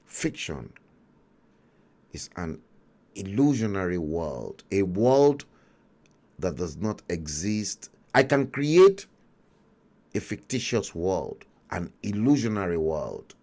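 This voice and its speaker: A middle-aged Nigerian man with a Nigerian accent, telling a story in an emphatic livestream monologue with dramatic pauses. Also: low voice, big pitch swings, darkish tone. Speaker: talk show host.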